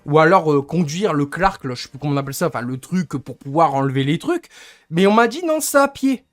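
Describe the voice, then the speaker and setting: A man's voice: a little high, big pitch swings, brisk, dry recording. A young man venting to his stream chat in a rambling, annoyed way, often searching for words. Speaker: livestreamer.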